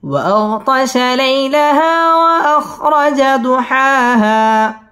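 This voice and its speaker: A man teaches tajweed recitation in a strikingly high voice. He spells out syllables and chants the verses at a very slow, drawn-out pace, then gives brisk spoken notes on the rules. Faint music plays in the background. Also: expressive, bright, forceful tone.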